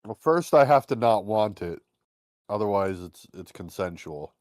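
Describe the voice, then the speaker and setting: A man co-hosting a podcast in casual chat, animated and crude, often swearing and slipping into mocking voices. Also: fairly low pitch, normal speed, no room sound, studio quality. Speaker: podcast co-host.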